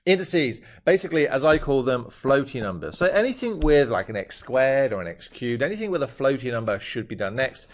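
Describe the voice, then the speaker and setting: Speaking a little fast with few pauses, a fifties-aged man from Britain delivers an expressive maths lesson via screen recording, his mid-range voice carrying a British accent shifting toward Australian. He keeps it light with jokes and chatty side comments.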